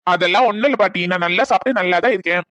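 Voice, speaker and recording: A man voicing a polite young grandson in a cartoon, who gently reassures his grandmother. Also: sits high, rapid-fire, no room sound. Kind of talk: cartoon voice acting.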